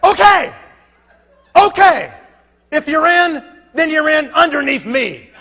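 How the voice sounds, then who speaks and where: A man acting out a furious, blustering middle-aged father-in-law who shouts indignantly. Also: very high voice, normal speed, exaggerated voice. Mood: grudging.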